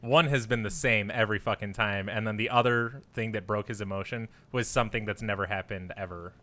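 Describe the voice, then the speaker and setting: Laid back young guy cohosting, bright voice, swears a lot, reacts fast. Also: lowish voice, fairly even intonation. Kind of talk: casual podcast chat.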